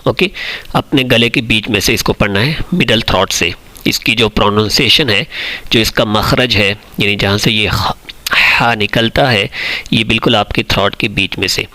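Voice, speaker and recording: A man's voice: lowish voice, bright, forceful tone. Patient man teaching the alphabet. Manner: slow, patient, drawn-out letter recitation; explains in Urdu mixed with English words. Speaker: Quran teacher. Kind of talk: online alphabet lesson.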